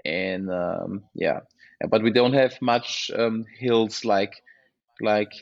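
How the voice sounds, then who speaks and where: A man with an Austrian accent, a native German speaker, chatting casually and haltingly as he searches for words. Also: fairly low pitch, vocal fry, highs cut off. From Austria, small village. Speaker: interview guest, mountain bike rider. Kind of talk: casual chat.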